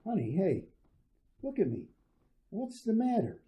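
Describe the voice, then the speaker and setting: Easygoing family man for radio play male actor, very dark soft-edged tone, lively intonation, folksy and solicitous. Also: high-pitched, measured pace, exaggerated voice. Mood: concerned. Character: easygoing suburban husband and father, affable, gently concerned. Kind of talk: old-fashioned radio drama acting.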